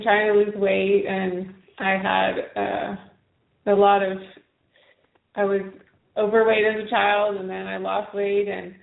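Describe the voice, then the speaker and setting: A woman speaks casually as an interview guest, slowly and with little pitch movement. Vocal fry runs through her voice, and the line is tinny. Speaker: guest author. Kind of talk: casual personal storytelling in interview. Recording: roomy, tinny phone-like call.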